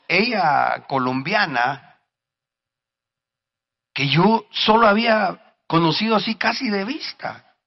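An impassioned male preacher with a fairly high voice that swoops up and down. He addresses the congregation directly and breaks into shouts at his peaks. The sound is dull and lo-fi. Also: gravelly. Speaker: pastor. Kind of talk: sermon.

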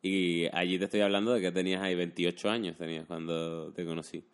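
A man's voice: deep voice, flat delivery, fast talker, clear, resonant tone. A man talking casually and colloquially, often adding tag questions. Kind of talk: casual chat, anecdotes.

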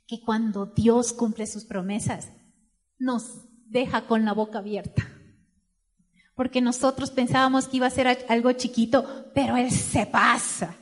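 With a voice a little high, a woman preaches in church, narrating a story and questioning the congregation while moving between quiet and loud passages.

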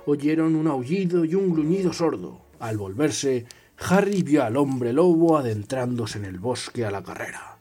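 Brief: male reader with a husky, fairly high voice, dramatic storytelling, soft music underneath. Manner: expressive, dramatic storytelling, drops to a whisper at tense moments. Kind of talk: reading a novel aloud.

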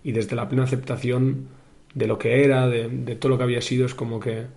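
Young male podcast host from Spain, reflective monologue, even and flat, mid pitch, halting with fillers. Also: gravelly. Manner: thoughtful, many pauses and fillers, addresses the listener.

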